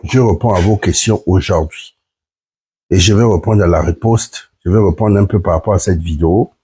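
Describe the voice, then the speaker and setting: This man's voice sits low and sounds dark and a bit rough, moving at a moderate pace. He has the flu, yet he's hosting a live stream as a platform member, earnestly walking his viewers through things point by point.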